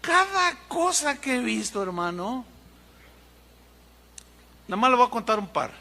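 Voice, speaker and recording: A man preaching, telling humorous anecdotes in an animated way and imitating sounds. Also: extremely high pitch, unhurried. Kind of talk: sermon storytelling.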